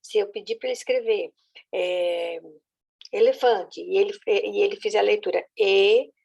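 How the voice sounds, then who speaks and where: Gravelly-voiced woman teaching literacy. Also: mid-range voice, fairly even intonation, a little fast, a little mellow. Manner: patient, with many "né?" and "tá?" check-ins. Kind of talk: explanatory teaching talk.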